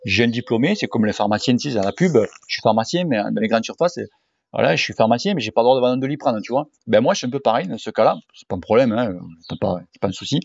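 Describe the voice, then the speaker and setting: A man's voice: mid-range voice, vocal fry, no echo. Man, regional French accent, blunt slangy vlogger, casual Q&A, muffled lo-fi audio. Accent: French, southern regional. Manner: blunt, slangy, swears freely. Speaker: cycling YouTuber and sports coach. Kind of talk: casual Q&A vlog. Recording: dull dry home recording.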